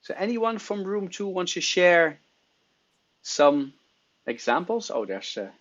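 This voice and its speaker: A man informally leading a class discussion as facilitator, encouraging and quick to acknowledge people's answers. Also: high-pitched, sing-song, fairly bright tone. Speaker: course facilitator. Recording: dull, lo-fi call audio.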